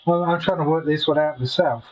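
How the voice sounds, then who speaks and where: A man's voice: on the high side, brisk, a loud crowd. A man sounding hollow and muffled, as if from the bottom of a well, through a cheap earphone mic on a call. He talks hesitantly, with many fillers and restarts, as a player in a tabletop game. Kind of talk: casual chat over a voice call.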